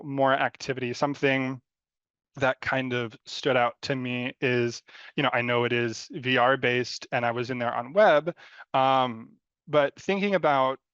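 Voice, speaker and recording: A man gives friendly design feedback in a rambling, unscripted way, with lots of fillers and light self-deprecating humor. His voice has a gravelly texture. The recording is dry and a little dull and lo-fi. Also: mid-range voice, fairly bright tone, no echo. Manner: rambling, loose delivery with many fillers. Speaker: mentor giving design feedback. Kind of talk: live design critique, casual and unscripted.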